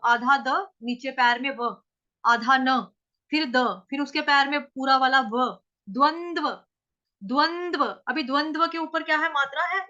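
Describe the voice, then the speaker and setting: A woman teaching Sanskrit pronunciation, drawing words out syllable by syllable and then explaining quickly. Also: high voice, bright, forceful tone, lo-fi sound. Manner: slow, drawn-out syllable-by-syllable recitation alternating with quick explanations. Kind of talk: step-by-step pronunciation lesson.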